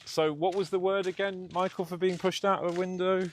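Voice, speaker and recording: A man's voice: high-pitched, level tone, fairly quick, a little hiss or hum. A man hosting a live stream outdoors, casual and jokey, laughing often. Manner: jokey, laughs often, calls viewers peasants. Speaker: stream host. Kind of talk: casual chat. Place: outdoors in a city street.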